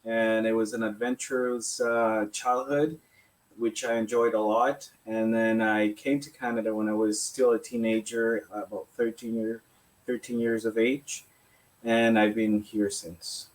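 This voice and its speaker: A man from Colombia, a massage therapist, calmly answering interview questions and explaining his work. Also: fairly low pitch, measured pace.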